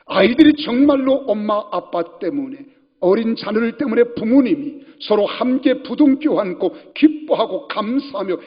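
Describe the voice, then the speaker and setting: A man's voice: high voice, animated, moderate pace, husky. A male senior pastor preaching a sermon in a church sanctuary, putting repeated questions to the congregation, in a reverberant hall with dull sound.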